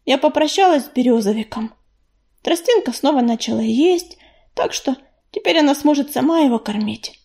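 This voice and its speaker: Gentle house-cat she-cat, read by a woman, high and mellow, soft and apologetic, audiobook. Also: expressive, normal speed.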